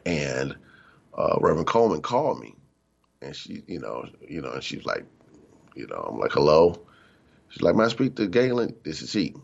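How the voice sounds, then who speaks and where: A man's voice: very deep voice, sing-song, moderate pace, gravelly, long pauses, husky, highs cut off. A middle-aged man giving a conversational, emphatic spiritual talk as a minister, acting out the voices he quotes. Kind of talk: spiritual teaching talk on radio.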